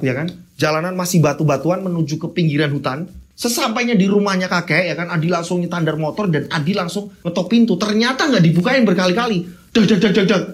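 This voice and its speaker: Chatty male storyteller. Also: high voice. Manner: chatty, dramatic sound effects. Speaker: horror story narrator. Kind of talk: casual spoken storytelling.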